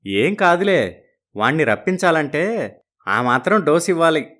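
A woman's voice: low-pitched, big pitch swings, measured pace, fairly bright tone, voice pushed down, heavily acted. A woman voicing an easygoing middle-aged husband in a storybook, teasing and reassuring his wife. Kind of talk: storybook narration.

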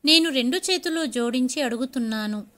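Disappointed middle-aged father, voiced by a woman; firm, reproachful, bright tone. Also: high-pitched, animated, a little fast. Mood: stern, pleading.

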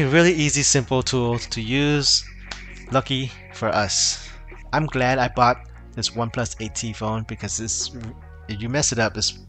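A man with a mid-range, slightly bright voice hosts a casual screen-recorded tech tutorial, walking viewers through fixing a phone. His delivery is loose and rambling, with lots of restarts.

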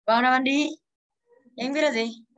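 A woman's voice: high voice, fairly even intonation, measured pace, fairly bright tone, low-quality recording. A young woman teaching English, going through exam answers and teasing her students as she asks them for each answer. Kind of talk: exam answer walkthrough lesson.

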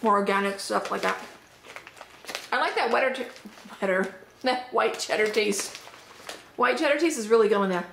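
A woman chatting upbeat and thinking aloud as she unboxes and tastes snacks, her voice slightly hoarse. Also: mid-range voice, normal speed, pauses often, fairly bright tone. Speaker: unboxing vlogger. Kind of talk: casual product tasting review. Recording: roomy echo, faint background noise.

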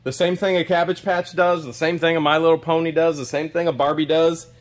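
An American man in his forties hosts a vlog as a storage unit buyer, tossing out short, joking asides while he sorts through finds inside a metal storage unit. His voice is on the high side with little pitch movement and a brisk pace, caught on a noisy handheld recording.

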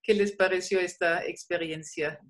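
A woman teaching German in an online video-call class, relaxed, with many fillers, slowly modelling German sounds. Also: on the low side.

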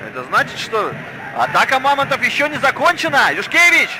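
A man giving excited, exclamatory live hockey commentary, often breaking into shouts. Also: very high voice, brisk. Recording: clear rink noise behind commentary. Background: ice arena ambience.

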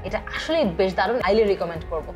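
A woman speaks at medium pitch and a moderate pace over music. She's a food vlogger with a Bangladeshi Bengali accent, casually and chattily reviewing food to camera in a restaurant and mixing in English words.

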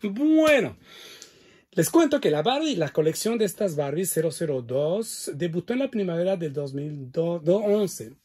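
A man's voice: on the high side, very animated, a little slow, dark tone, slightly rough. A man chatting to viewers as he shows off his doll collection, full of exclamations. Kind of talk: casual unboxing and show-and-tell.

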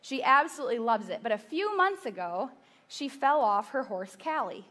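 A woman in her thirties preaches from a large church stage, her voice sitting a little high. She tells personal stories in a loose, conversational way, tossing asides to the congregation as she goes. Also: lively intonation, moderate pace, fairly bright tone. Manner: conversational storytelling with asides to the audience. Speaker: pastor. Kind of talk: sermon.

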